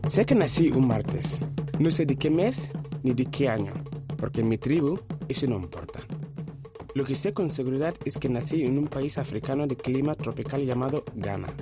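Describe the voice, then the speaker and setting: A man reading an audiobook passage in the first person, slow and solemn. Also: mid-range voice, expressive. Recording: audiobook clip played over music.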